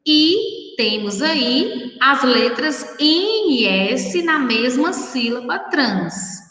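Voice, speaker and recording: A woman schoolteacher with a Brazilian Portuguese accent, giving a lesson to young children and slowly spelling out words syllable by syllable in a patient, affectionate way. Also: high-pitched, big pitch swings, fairly bright tone, reverberant, long reverb tail, far from the mic, poor audio. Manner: slow, drawn-out syllable-by-syllable dictation to children; affectionate, patient, addresses pupils as children and darlings. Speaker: primary school teacher. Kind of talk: recorded remote class lesson.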